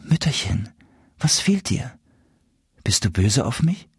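A man's voice: mid-range voice, very animated, takes it slowly, husky, no room sound, clean studio sound, voice pushed up, heavily acted. A man voicing a bewildered, tender son turned dwarf in a fairy tale, speaking with earnest pleading. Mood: tender, worried. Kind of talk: storybook character voice in a fairy tale reading.

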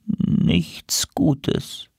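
Man reads as old female crow seer, hushed and doom-laden, husky low whisper. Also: sing-song, dry recording, studio quality, full character voice. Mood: ominous. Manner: slow, hushed, ominous whispering.

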